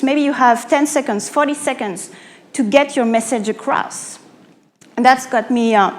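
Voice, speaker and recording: A French woman from Normandy, an author, speaker and pitch coach, gives a live public talk to an audience in a somewhat high voice with a French accent. She makes her points through rhetorical questions, pausing and correcting herself as she goes.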